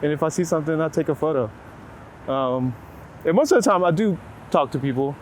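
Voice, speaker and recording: On a rough recording, a Waco, Texas, man with a voice on the high side and a little mellow talks animatedly and a bit fast as a photographer in an interview. He's informal and reflective, hedging constantly with "like." He's outdoors on a city street, and clear street and traffic noise comes through, with passing vehicles and urban ambience.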